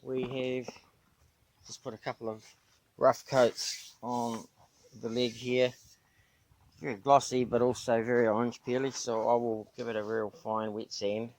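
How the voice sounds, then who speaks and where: A man's voice: medium pitch, level tone, measured pace, long pauses, darkish tone. A middle-aged New Zealand man with a New Zealand accent hosts a casual do-it-yourself boat-repair vlog. He chats in an easygoing way and thinks aloud as he goes, sounding tired. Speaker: boat owner and channel host.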